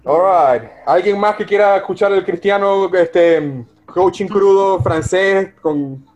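A man's voice: high-pitched, fairly even intonation, slow pace, darkish tone. A man hosting a live online coaching talk over a video call, emphatic and speaking directly to listeners by name. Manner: emphatic, addresses listeners by name, frequent self-corrections.

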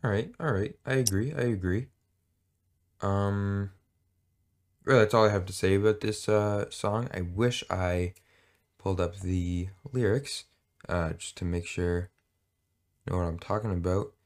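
Brief: male podcast co-host, low voice, loose rambling chat, halting delivery. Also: fairly even intonation. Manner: rambling, hesitant, jokey. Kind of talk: casual chat.

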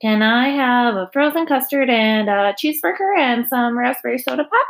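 A woman voicing an excited young boy in a children's storybook, rattling off wants. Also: a little high, normal speed, creaky, voice pushed up. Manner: excited, greedy for treats. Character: boisterous young boy at a fair.

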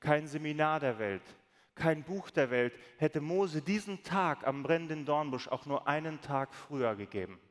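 A man preaching as a pastor, telling stories with lively acted-out quotes. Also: a little high, moderate pace. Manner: storytelling, animated, acts out quoted voices. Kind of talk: sermon. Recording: long reverb of a large hall.

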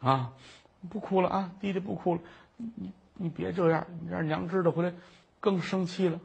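Gentle big-sister voice, soft n coaxing, kinda husky, man putting it on. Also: high-pitched, normal speed, highs cut off, exaggerated voice. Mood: soothing. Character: gentle teenage girl, caring older sister.

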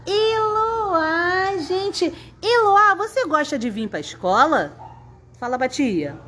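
A woman's voice: extremely high pitch, sing-song, takes it slowly, bright, forceful tone, a little hiss or hum. A woman, a preschool teacher coaxing small children in a school podcast interview. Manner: sing-song, coaxing, talks to small children.

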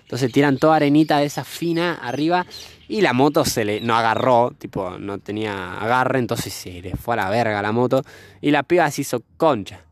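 A man's voice: mid-range voice, brisk. Slangy young guy telling a story. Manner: slangy, animated, laughing storyteller. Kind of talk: casual chat storytelling. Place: outdoors by a fire.

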